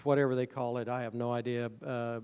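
On a large indoor auditorium stage, a middle-aged man who owns a honey farm gives a casual, homespun conference talk that pokes fun at himself. His mid-range voice is smooth, brisk, level and somewhat dark, heard through a handheld PA mic and recorded by an audience camera with hall reverb.

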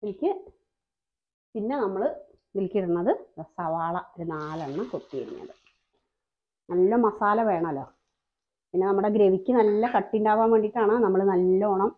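A woman who hosts a home cooking channel narrates a cooking demonstration, chatting and explaining each step. Her voice is medium-pitched, and the audio sounds like a phone.

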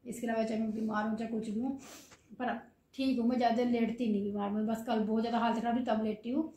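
Brief: unwell housewife vlogger, slightly hoarse, higher pitch, chatty, echoey kitchen. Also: female voice, level tone, fast, dark tone. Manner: chatty, rambling, talks to her kids. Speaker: vlogger and mother. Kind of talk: casual home vlog. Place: home kitchen. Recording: echoey room.

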